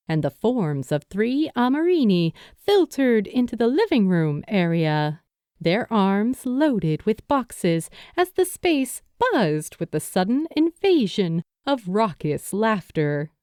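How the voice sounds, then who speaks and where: A woman reading a novel aloud as an audiobook narrator, with expressive, unhurried storytelling. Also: a little high, smooth, no room sound, studio quality.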